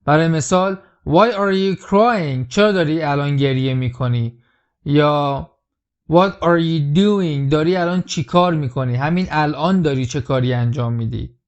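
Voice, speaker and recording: A man with a fairly high voice teaches English in a patient, explaining tone, and he says the key phrases slowly and carefully. The recording sounds a little dull and lo-fi. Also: smooth. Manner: repeats English lines slowly, then explains them. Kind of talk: explaining film lines in a language lesson.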